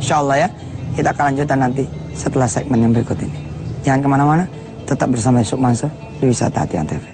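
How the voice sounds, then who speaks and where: An Indonesian male preacher giving a televised sermon, moving between slow drawn-out Arabic recitation and lively talk that acts out family dialogues. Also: medium pitch, music in the background.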